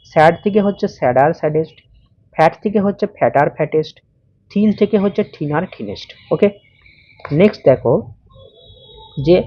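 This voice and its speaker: A woman's voice: sits low, mellow, no room sound. A woman with a Bengali accent teaching English grammar. She explains each rule step by step, spells words out letter by letter and puts questions to the viewer. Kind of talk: explanatory lesson. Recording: dull, muffled sound.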